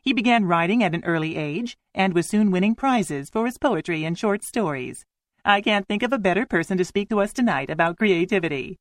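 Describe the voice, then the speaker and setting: A woman's voice: mid-range voice, lively intonation, brisk, dry recording. A woman reading a scripted welcome speech as an event presenter, formal and courteous.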